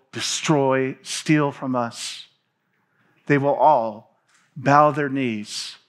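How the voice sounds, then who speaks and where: A man in his thirties preaching a sermon from a church stage, reading scripture and gesturing as he speaks. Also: mid-range voice. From Tennessee. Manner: preaching with hand gestures, animated pacing, reads scripture aloud. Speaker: pastor.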